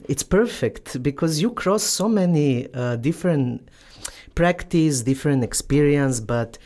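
A woman hosts a radio interview from the studio in non-native English. She leans on fillers and restarts, laughs readily between phrases, and circles slowly toward each question. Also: deep voice, animated, dark tone. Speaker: radio show host.

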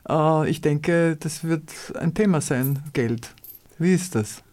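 An interviewer asks questions, stopping often on filler sounds. The voice has a mellow, dark tone. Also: medium pitch, takes it slowly. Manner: hesitant, many filler sounds.

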